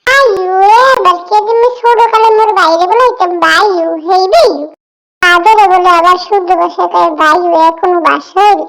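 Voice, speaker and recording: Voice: extremely high pitch, normal speed, fairly bright tone. A performer voicing a playful, cheeky young boy cat in a comic cartoon dub, chatty and full of questions, speaking with a Barishal accent. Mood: curious. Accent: Barishal dialect of Bengali. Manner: chatty, asks question after question.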